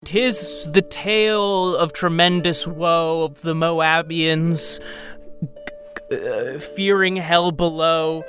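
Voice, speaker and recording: A man's voice: on the high side, slow pace, fairly bright tone, soft background music, voice pushed up. A man voicing an orc bandit in a tabletop game, declaiming grandly and theatrically. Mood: grandly mournful. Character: orc bandit solemnly reciting grandiose homemade verse.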